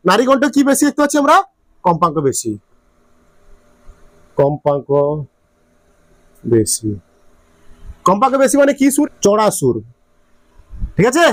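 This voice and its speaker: A man's voice: high voice, wildly swooping pitch, normal speed, long pauses, no room sound. A man teaching a physics class, repeating his questions to the students and checking often that they follow. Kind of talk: classroom lecture.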